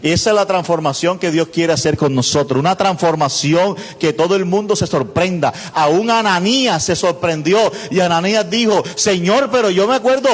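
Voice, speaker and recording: A man's voice: high-pitched, normal speed, few pauses, in a large hall. A man, a pastor, preaching a sermon with repeated phrases and calls to the congregation. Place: church.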